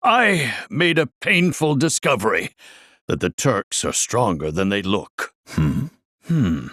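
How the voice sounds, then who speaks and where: A man's voice: lowish voice, very animated, takes it slowly, pushed and bright, no echo, studio quality, exaggerated voice. Dio, a swooping, grandiose muscleman showman. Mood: measured, theatrical. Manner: grandiose showman, theatrical, formal flowery diction. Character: flamboyant, vain, muscle-bound male amusement park director. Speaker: video game character voice actor. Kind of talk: theatrical video game voice acting.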